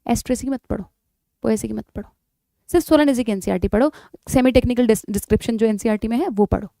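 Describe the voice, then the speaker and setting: A woman's voice: fairly high pitch, fast, vocal fry, warm tone, dry recording, studio quality. A woman teaching an exam revision lesson in biology, emphatic and coaxing, often calling her students "beta".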